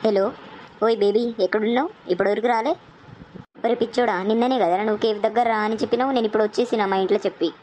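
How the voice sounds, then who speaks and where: Young village girl, voiced by a woman, secretive, hurried, quick talk. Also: a little high, steady tone, darkish tone, a little hiss or hum, close to an everyday voice, rough recording.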